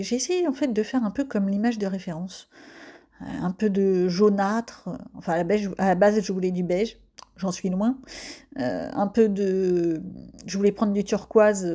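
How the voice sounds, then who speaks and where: A woman's voice: medium pitch, mellow. A woman giving a casual voice-over of her coloring session as an art vlogger. She talks in a chatty, self-mocking way, with frequent hesitant fillers.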